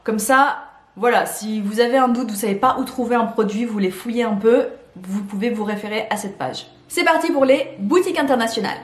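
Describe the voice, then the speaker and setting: A woman's voice: fairly high pitch, brisk, echoey room. A woman vlogging about beauty shopping in a chatty way, laughing often and repeating words as she explains. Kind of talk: casual explainer vlog.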